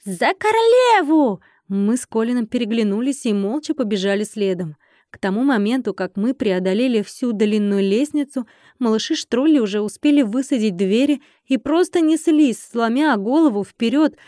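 A woman narrating a fantasy audiobook in first person with a lively, expressive delivery. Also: on the high side, moderate pace, dry recording, clean studio sound.

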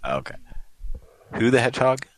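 A man's voice: medium pitch, sing-song, moderate pace, fairly bright tone, a little hiss or hum, low-quality recording. A man hosting a live call-in show, chatting casually with sarcastic, joking asides and rambling comments between calls. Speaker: host.

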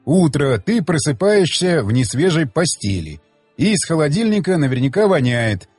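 A blunt, sardonic man who needles his friend like a patient mentor, as a male audiobook reader puts him on. The voice sits fairly high and husky and swings with lively pitch. It is close and dry, with faint music behind. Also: normal speed, dry recording. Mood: mocking. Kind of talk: audiobook dialogue reading.

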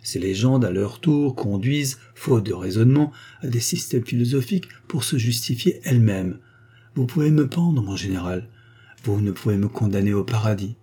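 A man voicing a captured spy who argues gravely about death and then begs for his life, with a warm, husky voice. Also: on the low side, moderate pace. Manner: grave reasoning, then frantic pleading. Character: captured male spy, philosophical then desperate.

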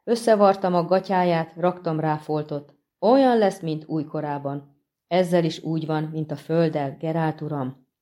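A woman voicing a chatty, grateful middle-aged peasant man in an audiobook, talking in a folksy, animated way. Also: sits low, close to an everyday voice. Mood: earnest. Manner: folksy, animated, respectful to his master. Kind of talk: audiobook reading.

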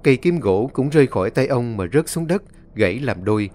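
A male storyteller narrating a horror story in a dramatic, expressive reading. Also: medium pitch, a little fast. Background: faint music.

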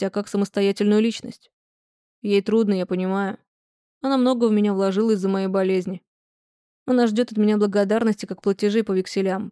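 Calm thoughtful young guy, woman reading him, mellow, dry. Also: medium pitch, clear, resonant tone, no room sound, natural voice. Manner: calm, reasoning.

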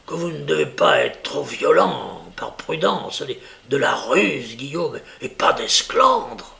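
A man's voice: a little high, very animated, slow, gravelly, bright, forceful tone, heavily acted. A man reading aloud and voicing an old, scheming male criminal who presses and pleads urgently. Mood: pleading.

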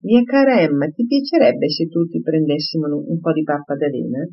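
A man's voice: fairly high pitch, lively intonation, normal speed, breathy edge. A reader doing a fussy old fretting father. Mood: fretful. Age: older. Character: fussy anxious elderly father, fretful and doting. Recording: slightly muffled recording.

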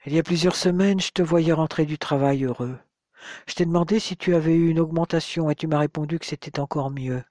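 A man reading the part of a father in his fifties who speaks softly and evenly, gently insisting. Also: a little high, fairly even intonation, a little fast, no room sound, studio quality, close to an everyday voice. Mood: recounting.

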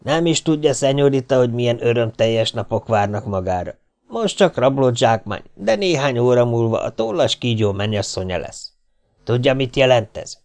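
Herradura, a man voicing a gravelly, taunting bandit chief. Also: medium pitch, lively intonation, a little mellow, close to an everyday voice. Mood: mocking. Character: menacing male bandit leader, mocking and cruel. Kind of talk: audiobook character reading.

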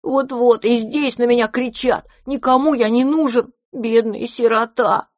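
A woman's voice: mid-range voice, moderate pace, dry recording, studio quality, natural voice. A woman voicing a small male baby dragon who boasts that dragons must be bad, and turns whiny when he feels unwanted. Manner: plucky, whiny when hurt.

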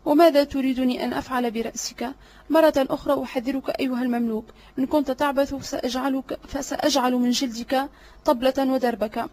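A woman's voice: high-pitched, steady tone, quick pace, a little mellow, lightly acted. A woman voicing an irritable, threatening male vizier in an audiobook drama reading, blustering and impatient.

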